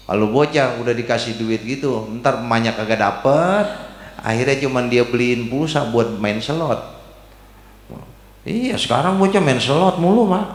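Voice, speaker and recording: A man preaching a humorous sermon, joking and teasing the congregation in colloquial speech. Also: mid-range voice. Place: mosque hall. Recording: echoey mosque hall with long reverb.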